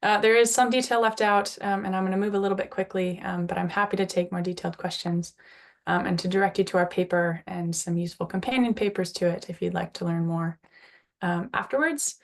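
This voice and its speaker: A woman with a gritty, slightly hoarse voice that is partly giving out, giving an informal, explanatory scientific presentation. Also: lowish voice, steady tone, a little fast. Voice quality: gravelly, gritty voice. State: slightly hoarse, losing her voice. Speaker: invited speaker, climate researcher.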